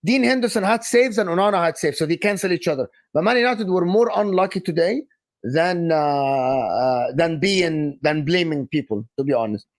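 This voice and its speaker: A young adult man from Egypt co-hosting a casual football live stream, emphatic and animated, often repeating and restarting his phrases. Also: on the high side, normal speed. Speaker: football channel co-host.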